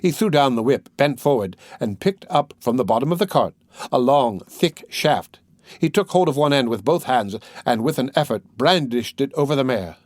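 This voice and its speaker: An audiobook narrator reads a classic novel at normal speed, giving it dramatic expression with a lively, varied pitch. His voice sits in a middle register, and the recording is dry and close with no room sound.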